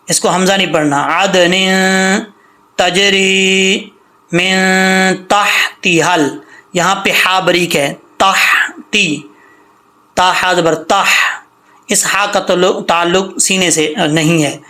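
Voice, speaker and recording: A man's voice: sits high, bright, forceful tone. A man teaching Quran recitation, patiently sounding out words letter by letter and pointing out common mistakes. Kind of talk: slow teaching with drawn-out recitation.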